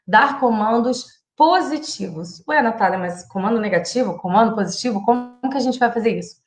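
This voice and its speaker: A woman's voice: fairly high pitch, echoey room. A Brazilian woman in her thirties, a psychologist giving parenting advice on a live stream in a chatty, direct way. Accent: Brazilian Portuguese. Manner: chatty and direct, acts out sample phrases to children.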